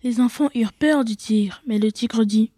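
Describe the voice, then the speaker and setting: A woman reading her own children's story aloud, with dramatic loud bursts and whispered asides. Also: fairly high pitch, moderate pace, no echo.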